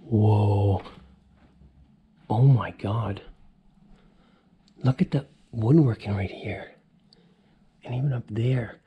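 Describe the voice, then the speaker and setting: A man in his thirties, an urban explorer vlogger, films himself at arm's length with a handheld action camera while walking through the large, empty rooms of a mansion. His lowish voice moves slowly with long pauses as he thinks aloud and lets out awed exclamations, and the audio is narrow and tinny.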